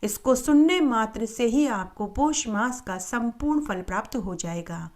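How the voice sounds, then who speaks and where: A woman narrates a devotional tale in a calm, unhurried way, her voice sitting a little higher than most. She moves into chanting sacred names one after another with a steady, reverent rhythm. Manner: slow, steady, reverent recitation in a measured cadence. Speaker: devotional storyteller.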